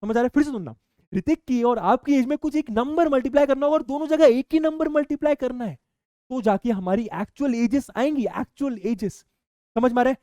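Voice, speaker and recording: A young man teaching a maths lesson to students, lively, repeating key points and asking the class questions. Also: very high voice, a little fast, dry recording, studio quality.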